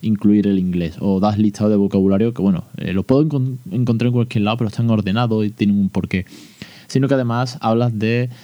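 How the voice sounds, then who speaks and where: Man, podcast host, low mellow voice, ironic and chatty, close dry mic. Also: steady tone, fast, no echo, dull audio. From Spain. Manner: ironic, chatty, many fillers. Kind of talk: casual solo podcast talk.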